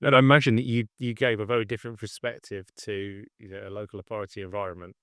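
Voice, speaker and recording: A male podcast host asks his guest conversational, prompting questions. His voice sits fairly low. The recording is close and dry. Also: level tone, quick pace, sharp tone, smooth, no echo. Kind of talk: interview questions.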